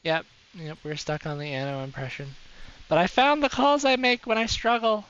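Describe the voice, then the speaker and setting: A man's voice: high-pitched, fairly even intonation, moderate pace, a bit bright, clean tone, rough recording. Playful, rambling young man streaming a game. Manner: playful, rambling, self-mocking jokes. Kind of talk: casual live gameplay commentary.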